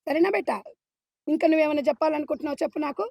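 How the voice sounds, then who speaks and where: A woman's voice: high voice, rapid-fire, creaky, darkish tone, a little hiss or hum. A woman with a Telangana Telugu accent, a local leader consoling a grieving child on camera in an emphatic, repeatedly soothing way.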